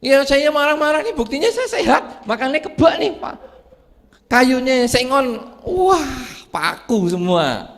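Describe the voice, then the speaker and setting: A man's voice: extremely high pitch, very animated, measured pace, fairly bright tone, in a large hall, voice pushed up, full character voice. A monk putting on a boastful hot-tempered man. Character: hot-tempered man boasting that anger keeps him healthy.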